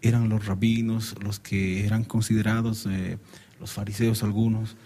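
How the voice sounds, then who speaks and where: A man's voice: fairly low pitch, level tone, moderate pace, warm tone. A man in a casual discussion, explaining a passage and asking rhetorical questions. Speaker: panelist.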